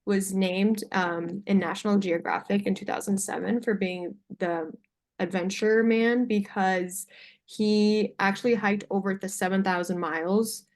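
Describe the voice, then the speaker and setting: A young adult woman giving a sales presentation on a video call in an informal, somewhat hesitant way. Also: medium pitch. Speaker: salesperson pitching to a buyer. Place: video call with screen sharing.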